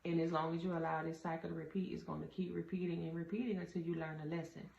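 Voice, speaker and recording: A relationship-advice vlogger with a very deep, gravelly voice and darkish tone speaks quickly and flatly, earnestly calling her viewers "y'all" as she offers casual advice. She's in a roomy indoor room with a door, and the slightly dull recording has a faint hum of ambience.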